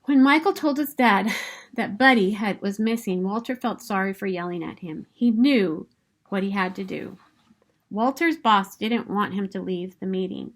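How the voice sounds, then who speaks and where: In a mid-range voice, a woman brings a children's picture book to life, reading it aloud expressively and with emphasis.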